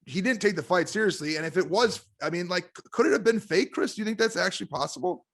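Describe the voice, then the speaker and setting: A man chatting casually as a guest on a podcast, an animated and excitable wrestling fan. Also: sits high, fast talker. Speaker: guest commentator.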